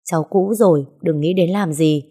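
A woman's voice: on the low side, normal speed, warm tone, slightly rough. A woman voicing a devoted young woman in an audio story who coaxes and pleads. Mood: coaxing. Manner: pleading, coaxing.

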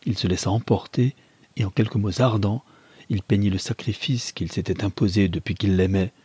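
A man reading a novel aloud in measured, even narration. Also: lowish voice, slightly rough, no room sound.

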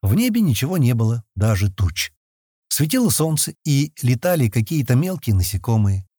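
Guy narrating an audiobook, husky mellow voice, lots of lilt, dry close mic. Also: mid-range voice, sing-song, normal speed, no echo. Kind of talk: scripted narration.

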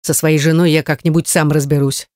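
A woman's voice: low-pitched, level tone, fairly quick, darkish tone, no room sound, studio quality, natural voice. A woman voicing a cold, contemptuous rich husband in an audiobook, speaking in curt, scornful lines.

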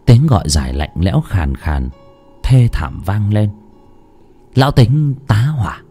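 A man narrating a horror story in a slow, dramatic, suspenseful way. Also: fairly low pitch, sing-song, warm tone, husky, soft background music.

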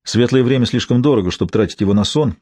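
A man's voice: mid-range voice, fast, warm tone, dry recording, close to an everyday voice. A man reading an audiobook, voicing a stern, insistent professor who leads his daughter. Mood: firm. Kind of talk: audiobook character voice. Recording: dry studio sound.

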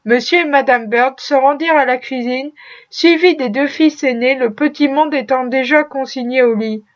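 High-voiced woman reading a novel. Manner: measured, expressive reading. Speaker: audiobook reader. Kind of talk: scripted narration. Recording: muffled lo-fi recording.

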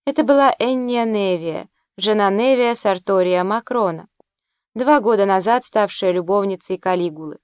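Smooth-voiced woman narrating a novel. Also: medium pitch, normal speed, no echo. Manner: even, literary reading. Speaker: audiobook narrator. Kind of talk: scripted narration.

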